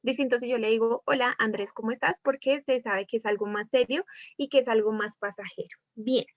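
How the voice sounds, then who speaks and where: A woman's voice: a little high, fairly even intonation, normal speed, no room sound. A woman teacher with a Colombian accent giving an online class over a video call, asking her students many questions and acting out different tones of voice. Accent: Colombian Spanish. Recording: dull lo-fi video call audio.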